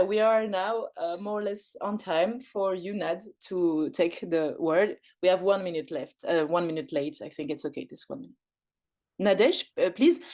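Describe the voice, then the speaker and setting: A Belgian woman facilitates an online forum in English over a video call, hesitant and full of fillers and restarts. Her voice is on the low side and a little mellow.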